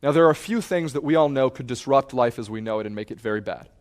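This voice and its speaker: A man's voice: medium pitch, fast talker. A man giving a talk, telling stories dramatically and building intensity around a repeated refrain. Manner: acts out shouts and quotes.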